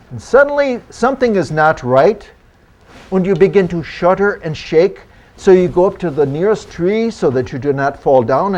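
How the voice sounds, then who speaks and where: A man acting as a genial 1800s German immigrant country doctor and wandering storyteller speaks to an audience in character, in the first person. His voice is slightly high with a darkish tone, and his manner is deliberate, theatrical and formally old-fashioned.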